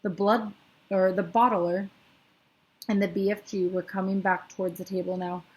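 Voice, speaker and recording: A woman reads a children's book aloud at an even, middle pitch. Her telling is steady and plain, now and then catching a slip and fixing it. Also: normal speed, low-quality recording. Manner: steady reading with small slips. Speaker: storyteller.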